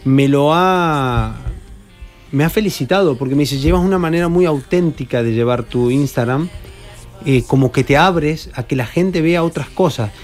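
A professional padel player with a Rioplatense Argentine accent is a guest in a radio studio for a casual interview, telling long anecdotes with many restarts. His voice is fairly high and his pace moderate, with faint music in the background.

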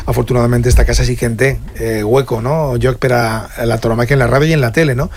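Fast-talking male host. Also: mid-range voice, steady tone, darkish tone. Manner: chatty, switches between Spanish and Valencian. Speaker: radio and TV host. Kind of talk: interview conversation.

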